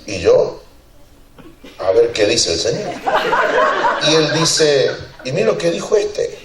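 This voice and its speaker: A man's voice: medium pitch, sing-song, slow pace, heavy background noise. A man preaching a sermon as a pastor, telling a funny story with lots of laughter and acted-out voices. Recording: roomy church hall, distant mic, congregation audible.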